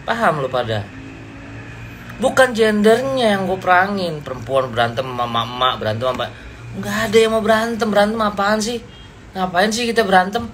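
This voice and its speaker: A man rants to his viewers in a blunt, slangy, confrontational way. His voice sits a little high for a man. A faint hiss of room noise runs under him. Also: fairly bright tone. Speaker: livestreamer. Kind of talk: ranting live stream to viewers. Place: indoors, seated.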